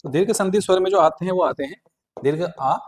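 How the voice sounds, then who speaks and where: Man, teacher, exam prep lesson, step-by-step explanations, slightly high voice. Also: brisk, a little hiss or hum. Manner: explains step by step with repeated fillers.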